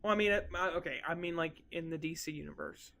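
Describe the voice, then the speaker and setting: A man's voice: a little high, fast talker, vocal fry, bright, forceful tone. A young man co-hosting a podcast, chatting casually in a playful, easily amused way. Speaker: podcast co-host. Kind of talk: casual chat.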